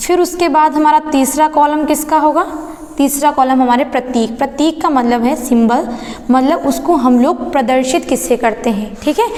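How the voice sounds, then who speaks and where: A woman's voice: high-pitched, normal speed, a little mellow. A woman teaching a basic science lesson, explaining step by step and answering her own questions as she goes. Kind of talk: classroom lesson. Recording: echoey room reverb.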